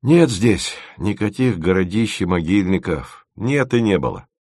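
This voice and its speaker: A man's voice: deep voice, sing-song, a little slow, darkish tone, no room sound, studio quality, full character voice. A man voicing a bossy, motherly woman who leads an expedition and dotes on her team. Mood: bossy, doting.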